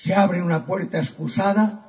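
A man's voice: sits high, steady tone, moderate pace, darkish tone. A man reciting comic poetry from memory to a live audience, rhythmic and theatrical.

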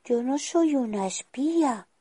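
A woman voicing a curious, headstrong young princess in a storybook, husky and exclaiming. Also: sits high, big pitch swings, unhurried, mellow, dry recording, clean studio sound, voice pushed up. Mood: pleading.

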